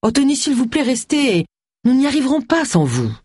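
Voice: high-pitched, big pitch swings, a little fast, a little mellow, husky, no echo, studio quality, pitched above the performer's own voice, heavily acted. An audiobook narrator voicing a distressed middle-aged woman boss who pleads with a departing employee. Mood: pleading.

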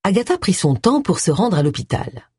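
A woman reading a story aloud as an audiobook narrator, with a steady, even delivery. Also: lowish voice, brisk, husky, dry recording. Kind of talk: scripted narration. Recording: dry close studio sound.

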